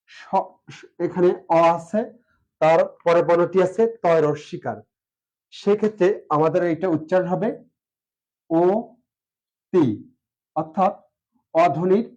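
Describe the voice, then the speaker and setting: A man with a Bangladeshi Bengali accent lectures on pronunciation in a slightly raised but mellow voice. He speaks slowly and deliberately, stretching out each example word and filling his pauses with "ah". The recording is dull and lo-fi. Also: sits high. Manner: slow and deliberate, drawing out example words, frequent "ah" fillers. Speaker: teacher.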